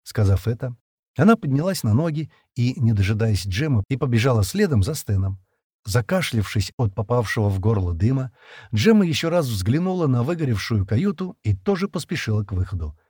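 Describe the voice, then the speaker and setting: A man narrating a science fiction story in an expressive, dramatic reading. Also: medium pitch, a little fast, slightly rough, no room sound, clean studio sound. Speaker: audiobook narrator. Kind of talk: scripted sci-fi narration.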